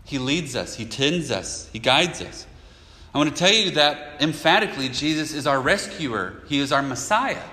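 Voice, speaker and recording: A man's voice: fairly high pitch, lively intonation, normal speed, pushed and bright. A man preaching a sermon as pastor, conversational and emphatic, with casual asides. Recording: echoey hall with long reverb.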